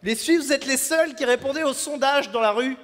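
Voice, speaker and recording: A young man from France performing a stand-up comedy set on a festival stage, acting out characters with quick changes of voice. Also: very high-pitched, noisy background. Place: comedy festival stage before a live audience. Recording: reverberant hall with faint audience ambience.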